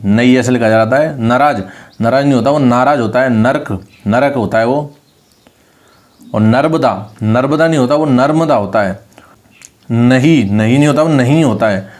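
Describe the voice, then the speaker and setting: A man with a Rajasthani Hindi accent teaches an online spelling class. His voice sits at an ordinary middle pitch. He says each word again and again, lifting his voice on the correct spelling. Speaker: Hindi exam tutor.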